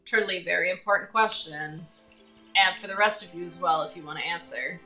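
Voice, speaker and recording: A woman's voice: lowish voice, fairly quick, bright, forceful tone, faint music behind. A woman streaming a game, chatting casually with her viewers and thinking aloud. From United States. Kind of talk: casual live-stream commentary while gaming.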